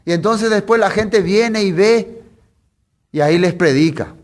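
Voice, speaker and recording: A man's voice: high-pitched, unhurried. A man preaching a sermon that teaches through a Bible passage in a conversational way. He asks rhetorical questions and corrects himself as he goes.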